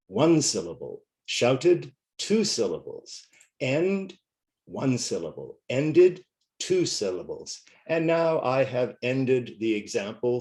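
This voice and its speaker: A male English teacher takes his time over a pronunciation drill, speaking slowly and deliberately. His pitch rises sharply on each example word and drops again as he counts the syllables, which gives his delivery a lively, sing-song contour. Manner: slow, careful, stresses each example word higher and louder. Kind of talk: pronunciation lesson.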